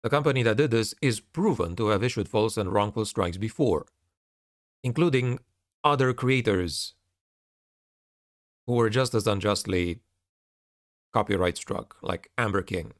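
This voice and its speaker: Low-voiced man giving a casual update, dry sound. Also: measured pace, long pauses, dry recording. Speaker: video creator giving a channel update. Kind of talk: casual update talk, reading out messages and commenting.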